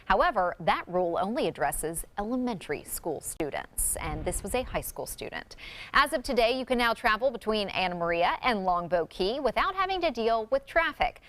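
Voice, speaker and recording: A woman's voice: medium pitch, sing-song, normal speed, fairly bright tone. A woman reading scripted local news as an anchor, in a formal broadcast style.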